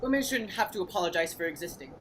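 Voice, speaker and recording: A woman's voice: medium pitch, animated, fast talker, heavy background noise, lightly acted. An actress playing a blunt, foul-mouthed seventh-grade boy in a stage play. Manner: blunt, swears when upset.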